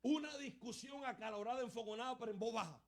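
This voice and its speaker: A man from Venezuela, preaching a sermon in an animated storytelling style, often calling out "hermano" and "pastor". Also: very high voice, quick pace. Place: church.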